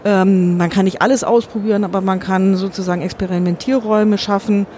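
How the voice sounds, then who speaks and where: A woman giving thoughtful, earnest answers in an interview, measured and often correcting herself mid-sentence. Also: medium pitch, fairly even intonation, mellow, a little hiss or hum. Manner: earnest and optimistic. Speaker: interview guest.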